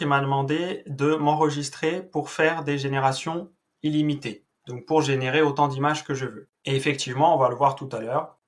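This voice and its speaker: A man hosting a tech video, giving a casual walkthrough with a chatty, hesitant delivery full of fillers and restarts. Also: medium pitch. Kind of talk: casual screen-recorded walkthrough.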